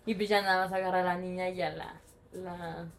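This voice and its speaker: A woman with a Mexican Spanish accent retelling a film scene in lively casual chat, full of colloquial fillers. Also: on the low side, fairly quick, slight background noise. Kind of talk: casual movie discussion.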